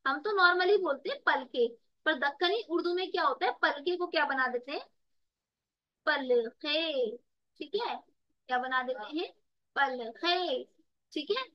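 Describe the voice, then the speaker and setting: A woman's voice: sits high, lively intonation, brisk, no echo, lo-fi sound. A woman tutor giving an online exam-prep lesson, calling students "beta" and repeating words with rhetorical questions to the class. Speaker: Urdu tutor.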